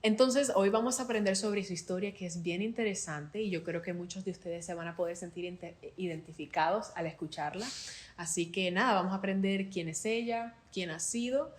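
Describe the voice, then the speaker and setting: A woman's voice: fairly low pitch, brisk. A young Cuban woman with a Cuban Spanish accent, hosting a podcast and asking questions in a friendly, conversational way. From Cuba. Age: young adult. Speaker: podcast host. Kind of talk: podcast interview.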